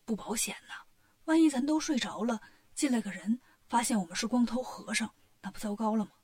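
A woman voicing a timid, fretful monk in a children's story, speaking in a hushed, worried whisper. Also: on the high side, animated, a little fast.

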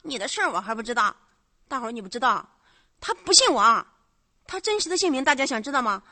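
A woman's voice: on the high side, sing-song, sharp tone, dry recording. A woman, a comic stage performer telling a bawdy story in teasing, mocking banter. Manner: teasing, mocking, brisk punchy delivery.

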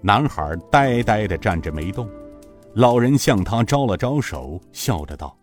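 Lively-voiced male audiobook narrator. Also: on the low side, measured pace, faint music behind. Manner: expressive storytelling delivery. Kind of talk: audiobook narration of a martial-arts novel.

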